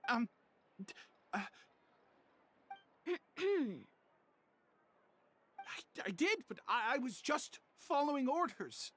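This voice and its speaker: An actress playing a nervous, guilty underling in a fantasy video game, hesitant and stammering. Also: female voice, high-pitched, sing-song, slow pace, long pauses, full character voice. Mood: nervous, defensive.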